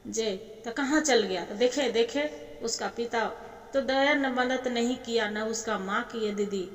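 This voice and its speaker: A woman's voice: on the high side, measured pace. A woman with a Bhojpuri accent telling a sad devotional folk story, emotionally addressing her listeners as sister. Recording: echoey reverberant hall.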